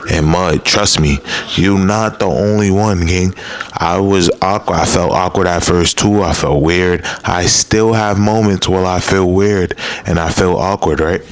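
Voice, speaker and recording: Young male vlogger, low rough voice, blunt slangy pep talk to camera. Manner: blunt, repetitive, coaching tone with slang. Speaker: content creator.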